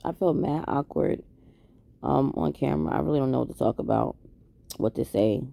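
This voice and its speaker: A vlogger from Queens, New York, a woman around forty, talks to camera in a candid late-night confessional. She is hesitant and reflective, with many ums and restarts. Her very deep voice is creaky and dark, at normal speed.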